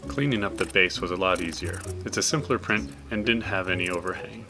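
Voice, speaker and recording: A man with a fairly low voice narrates a hands-on how-to video. He explains each step in a plain, matter-of-fact way, like a casual scripted tutorial. Music plays clearly behind him. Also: fairly quick.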